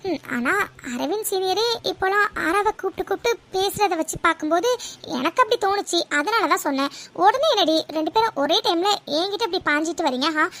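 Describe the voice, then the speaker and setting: Woman doing a squeaky high teasing girlfriend, gossipy college pal, cartoon. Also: sharp tone, exaggerated voice. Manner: teasing, prying.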